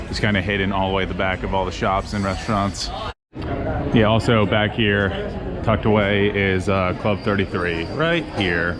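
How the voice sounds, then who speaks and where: A man giving casual, matter-of-fact vlog commentary as he goes around a theme park. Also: lowish voice. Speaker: vlogger. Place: theme park, walking outdoors and on a boat ride. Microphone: handheld action camera. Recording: loud park music and crowd din.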